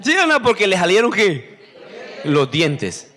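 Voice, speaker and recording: Man, pastor, sermon, call-and-response questions, high-pitched voice. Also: wildly swooping pitch, unhurried, a bit bright. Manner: acts out whiny voices in a high squeak.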